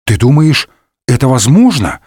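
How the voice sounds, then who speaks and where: A hot-headed young swordsman wails and bristles with melodramatic indignation, played by a man reading the story. The voice leaps about in animated rises, recorded close and dry. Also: medium pitch, moderate pace, husky, dry recording. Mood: indignant. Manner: wailing, indignant outbursts.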